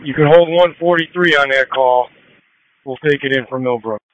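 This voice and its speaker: A man working as a fire officer, giving brisk, matter-of-fact reports over two-way radio. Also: mid-range voice, no echo, muffled recording.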